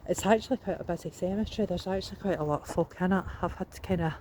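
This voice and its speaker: A Scottish vlogger giving an unhurried, casual commentary while looking around outdoors, musing aloud. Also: mid-range voice, dark tone. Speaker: vlogger giving a cemetery tour. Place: outdoors in a cemetery. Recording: windy, noisy outdoor handheld recording.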